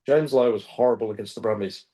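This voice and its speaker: A man's voice: medium pitch, quick pace, warm tone. Man from Australia, thinking aloud. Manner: thinks aloud, hesitant with fillers and restarts. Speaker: rugby reporter, podcast guest. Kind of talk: casual chat.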